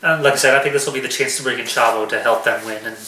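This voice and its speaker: A man's voice: mid-range voice, steady tone, racing, pushed and bright. A man co-hosting a casual wrestling prediction chat, announcing each match and giving his picks. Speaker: podcast co-host. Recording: echoey room.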